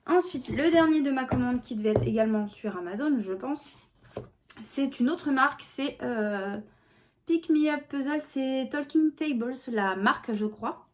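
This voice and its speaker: A woman's voice: sits high, unhurried, slight background noise. A woman talking casually in a vlog, chatty and rambling, with many fillers and restarts. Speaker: vlogger.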